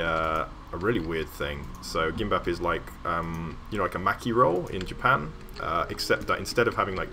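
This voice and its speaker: A man's voice: low voice, sharp tone. A man streaming while he builds, chatting casually and rambling with many fillers and restarts.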